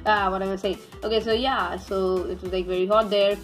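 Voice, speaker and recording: A woman's voice: medium pitch, steady tone, fairly quick, soft background music, poor audio. A woman, telling a story in a casual vlog. She rambles, often restarts her sentences and adds dry sarcasm. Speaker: vlogger.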